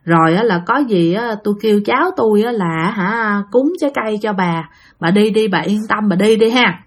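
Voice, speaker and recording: Woman voicing an old grandmother, soft, quiet, coaxing, soothing. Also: mid-range voice, moderate pace, close to an everyday voice. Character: elderly grandmother pleading with a spirit.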